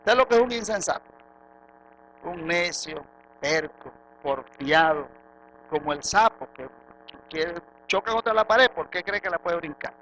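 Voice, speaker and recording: A Venezuelan man preaches a church sermon in a high, piercingly bright voice. He drops into quiet asides, then rises to loud rhetorical questions. A faint background hiss sits under the voice. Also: animated, measured pace, long pauses, low-quality recording. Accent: Venezuelan Spanish. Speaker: pastor. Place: church sanctuary.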